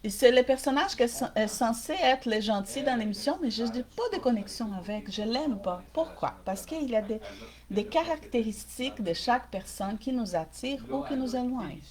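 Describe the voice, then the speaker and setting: A woman's voice: on the high side, animated, normal speed, crowd noise. A woman with a mixed Québécois and Brazilian accent, coaching small-business owners in a casual live-stream workshop and often checking in with viewers. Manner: direct, addresses viewers, checks in with "ok?".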